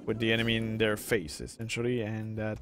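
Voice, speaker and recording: This gameplay streamer, a middle-aged francophone from Quebec, Canada, chats loosely about a strategy game in a French Canadian accent, full of fillers. His voice is on the low side, monotone and fairly quick, against a noisy background.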